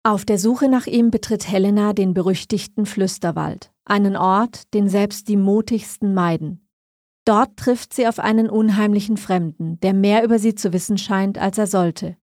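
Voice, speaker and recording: A woman narrating a scripted story with measured, suspenseful pacing. Her tone is mellow and dark, of middle pitch. The recording is dry and close with no room sound. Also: dry recording.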